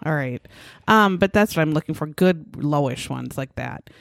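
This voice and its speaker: A woman's voice: sits low, normal speed, creaky, dry recording, clean studio sound. A woman co-hosting a podcast in casual chat, profane and giggly, telling stories with lots of laughter. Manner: profane, giggly, animated storytelling. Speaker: podcast co-host.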